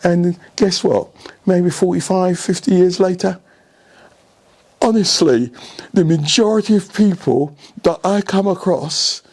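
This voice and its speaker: This is a high, somewhat slow male voice belonging to an older English coach. He recounts stories during an interview in an animated way, posing rhetorical questions and checking again and again that he's being followed.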